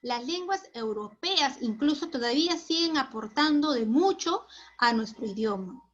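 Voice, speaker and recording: A chatty woman teacher with a high voice explains her lesson, asking questions and answering them herself. The recording sounds dull and lo-fi. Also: lively intonation, measured pace, fairly bright tone. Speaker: school teacher.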